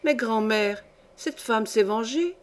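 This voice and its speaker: A woman's voice: a little high, slow. A woman reading a story aloud, voicing an earnest, romantic young girl who pleads with her grandmother. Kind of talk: audiobook reading.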